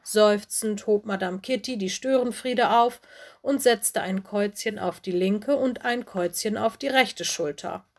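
A woman reads a children's story aloud in a calm, expressive voice. Her delivery stays steady and clear, as is typical for scripted storybook narration. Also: medium pitch, unhurried. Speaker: audiobook narrator.

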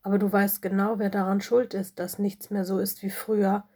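A woman's voice: medium pitch, level tone, normal speed, warm tone, close to an everyday voice. Woman doing a soothing male forest elder. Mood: reproachful. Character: male forest elder, calm but reproachful.

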